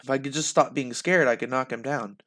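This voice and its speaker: A young man reading a novel aloud in a lively way, breaking off to laugh and comment. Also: medium pitch, brisk. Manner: animated, laughs and breaks off mid-sentence. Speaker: reader reacting live.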